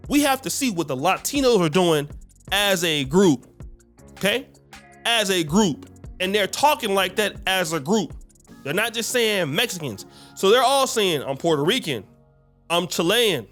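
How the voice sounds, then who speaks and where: A man's voice: high voice, a bit bright. A man reacting to a clip in an earnest, lecturing commentary with rhetorical questions, speaking into a studio mic. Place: small studio set. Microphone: studio mic with headphones.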